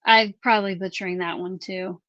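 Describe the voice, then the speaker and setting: A woman's voice: mid-range voice, steady tone, a little fast, fairly bright tone, no echo, dull audio. A woman hosting a craft live stream in casual chat. She reads out viewer names and questions in an upbeat way.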